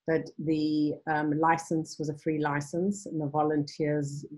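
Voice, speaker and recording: The nonprofit founder, a middle-aged South African woman, talks from her home room with bookshelves as a video call guest, reflecting carefully amid many ums and restarts. Her husky voice sits low and a little mellow, delivered flatly and a bit slowly, over a rough recording.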